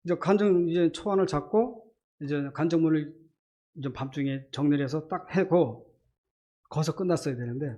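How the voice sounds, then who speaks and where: A middle-aged man, a church deacon, gives an earnest, halting personal faith testimony during a church service, with many fillers. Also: a little high, mellow, dull audio. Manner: earnest, halting, many fillers, acts out his inner voices.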